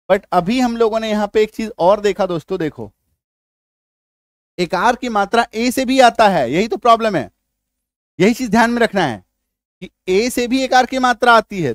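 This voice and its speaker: A man with a high, bright voice explains spelling rules slowly and patiently. He keeps pausing to check that the learner follows along. The recording is dry and close, with little room sound. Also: no room sound. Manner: repeats checks like "ठीक है?" and "आया समझ में?" often. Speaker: English teacher. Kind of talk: spoken spelling lesson.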